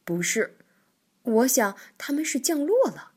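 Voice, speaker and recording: A woman voicing a cautious, sensible male rabbit in a children's storybook, calm and doubtful. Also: sits high, measured pace, breathy edge, exaggerated voice. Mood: friendly. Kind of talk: storybook reading.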